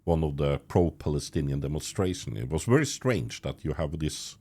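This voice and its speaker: This podcast host from Norway, whose first language is Norwegian, has a very deep, animated, slightly mellow voice. Conducting a conversational interview in English, he speaks haltingly, restarting often and chuckling mid-sentence.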